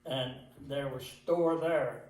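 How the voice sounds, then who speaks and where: An older man from the mountains of southwest Virginia with an Appalachian accent, reminiscing casually in a halting, plain-spoken, folksy way as he is interviewed. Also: medium pitch, fairly even intonation, darkish tone. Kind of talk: casual oral history reminiscence. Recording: echoey room, distant microphone.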